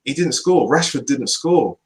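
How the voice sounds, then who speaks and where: A man giving forceful, opinionated football punditry in a casual chat, repeating his points slowly for emphasis. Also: mid-range voice, expressive, rough recording. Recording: online video chat, voice only.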